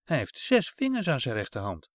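A man's voice: mid-range voice, wildly swooping pitch, normal speed, dry recording, clean studio sound. A man reading a story aloud and voicing a kind woman who soothes a frightened little boy. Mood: gentle. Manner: soft, soothing, coaxing. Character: kind gentle woman caring for children.

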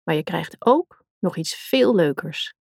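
A doting, easygoing fairy-tale king, as a woman puts him on, who speaks to his daughter in a fond, coaxing way. The voice sits a little lower and softer than the reader's own. The recording is dry and close. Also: animated, a little slow, creaky, no echo, heavily acted. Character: doting, easygoing king, middle-aged man.

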